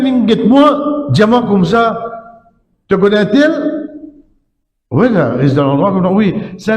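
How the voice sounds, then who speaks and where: A man's voice: on the high side, a little mellow. A man giving an Islamic sermon as imam, emphatic and repetitive, with frequent tag words. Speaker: imam preacher. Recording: echoey hall with long reverb.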